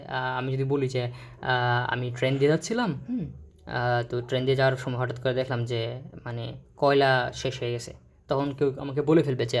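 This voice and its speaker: A man teaching English vocabulary in a casual, explanatory way, often pausing on fillers and correcting himself. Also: medium pitch, a little hiss or hum. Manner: explains words slowly, with many fillers and self-corrections.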